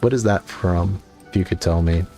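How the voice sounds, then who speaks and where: Low-voiced man chatting over gameplay. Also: moderate pace, creaky, mellow, faint music behind. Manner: chatty, musing aloud with restarts. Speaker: streamer. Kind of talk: casual gameplay commentary.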